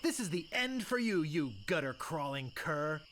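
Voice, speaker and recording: A man's voice: a little high, big pitch swings, normal speed, fairly bright tone, slight background noise. A man voicing an earnest young would-be pirate hero in a video game, trading insults in a sword duel. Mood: taunting.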